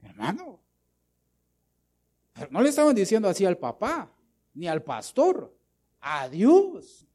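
A man's voice: sits high, huge pitch swings, takes it slowly, pauses often. Man preaching a fiery sermon. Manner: preaching with rhetorical questions and repetition; swings between loud emphatic bursts and quiet asides. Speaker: pastor.

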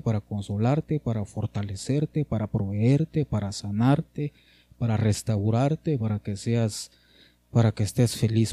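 A man preaching with fervent, pleading repetition, his lines often sinking to a hush at the close. His voice is dark and mellow. The sound is dry and close. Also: mid-range voice, dry recording. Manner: fervent, repetitive pleading, drops soft at ends. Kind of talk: sermon.

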